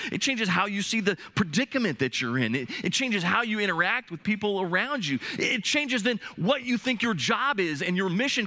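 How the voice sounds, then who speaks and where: A middle-aged man delivers a sermon with a bright, ringing voice that sits a little high for a man. His delivery is animated and expressive, stumbling into restarts as he builds each point. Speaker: pastor.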